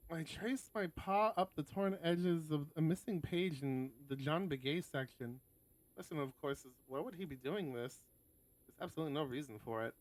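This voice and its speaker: On a rough recording, this visual novel streamer, whose voice sits on the high side, alternates between narrating the text and casual chat punctuated by the occasional curse.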